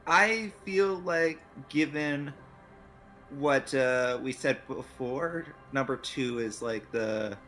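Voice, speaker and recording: A man's voice: mid-range voice, takes it slowly, fairly bright tone, soft background music. A man casually co-streaming a video game, commenting and reading lines aloud.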